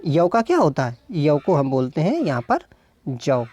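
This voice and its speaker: A woman's voice: sits low, big pitch swings, normal speed, mellow, husky. A woman teaching an exam-solution lesson, explaining step by step and answering her own questions as she goes. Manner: often adds "thik hai" and "dekhiye". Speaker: Hindi exam tutor.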